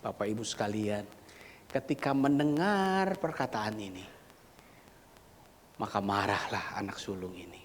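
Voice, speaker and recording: A male preacher giving a sermon, dramatic and swinging from loud exclamations to near whispers, in a church sanctuary. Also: fairly low pitch, expressive, unhurried, pauses often, slight background noise. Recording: reverberant church hall.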